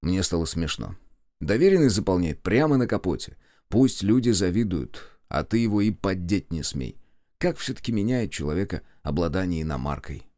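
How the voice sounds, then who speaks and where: A man tells a first-person story with wry, ironic humor. His low voice moves through a lively melodic range, and the close studio recording is completely dry. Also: normal speed, dry recording. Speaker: audiobook narrator.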